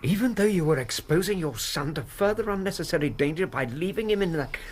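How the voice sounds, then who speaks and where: Radio drama sidekick: earnest gentleman doctor, slightly high, husky tone. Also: expressive, fairly quick. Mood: indignant. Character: earnest, decent Victorian doctor, the detective's companion.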